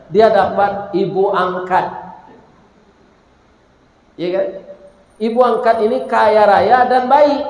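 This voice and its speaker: Slow, high-voiced Minangkabau preacher. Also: male voice, a little mellow. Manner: folksy, addresses listeners directly. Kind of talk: storytelling sermon. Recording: echoey hall.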